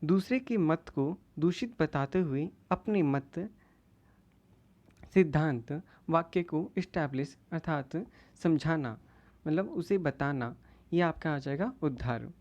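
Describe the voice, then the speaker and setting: A woman's voice: low voice, animated, takes it slowly, a little mellow. A woman teaching an exam-prep lecture, who reads out each classical Sanskrit term and then restates it in everyday words. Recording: dull lo-fi audio.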